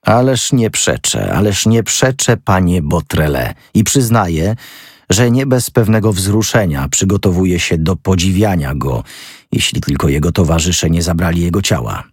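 A man's voice: animated, moderate pace, husky, no room sound, studio quality, full character voice. A man voicing a flustered older male magistrate who cries out in outrage in a storybook reading. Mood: grudging. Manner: shrill, outraged.

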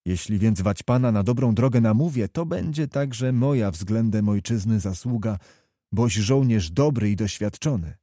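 A man reading the part of a seasoned officer who speaks in a measured, moralizing, steady way. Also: fairly low pitch, no room sound, clean studio sound. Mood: earnest. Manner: measured, admonishing. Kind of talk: audiobook character reading.

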